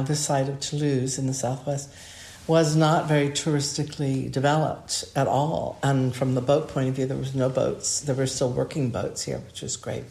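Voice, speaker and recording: An older woman, a podcast co-host, musing in a relaxed, rambling way with restarts. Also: sits low. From United States. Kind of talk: relaxed conversation. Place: home by a fireplace. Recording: roomy echo.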